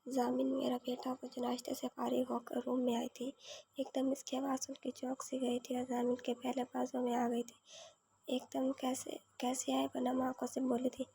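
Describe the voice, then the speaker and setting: A woman reads a romance novel aloud in a steady, even voice. Her tone is gravelly and low-key, with the pitch held almost level. The sound is mellow rather than bright. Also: normal speed, poor audio. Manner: flat, even read-aloud delivery. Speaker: narrator.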